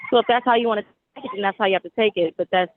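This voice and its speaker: A woman's voice: mid-range voice, rapid-fire. A woman calling into a court hearing over a clipped phone line, arguing in an insistent, legalistic way and repeating her claims. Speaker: tenant defendant appearing remotely. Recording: tinny dry phone line.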